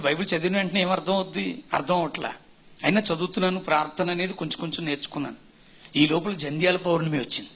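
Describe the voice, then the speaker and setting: Man, pastor, high voice, raspy grain, dramatic testimony. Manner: dramatic storytelling, rising to shouts and voiced quotes. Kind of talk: testimony sermon.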